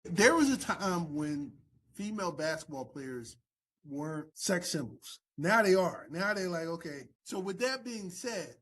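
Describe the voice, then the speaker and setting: A man hosting a talk show, asking his guest questions in a relaxed, conversational way. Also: high voice, a little slow, breathy edge. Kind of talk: casual interview conversation.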